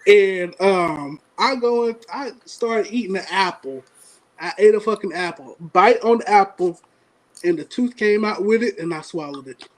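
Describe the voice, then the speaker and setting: High-voiced laughing storyteller man. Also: normal speed, poor audio. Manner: animated, laughs often, acts out quotes. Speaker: podcast co-host. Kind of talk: casual storytelling chat.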